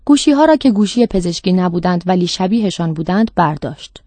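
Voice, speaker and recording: A woman narrating a dark short story in a measured, steady reading. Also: lowish voice, dry recording. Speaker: audiobook narrator. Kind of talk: scripted narration.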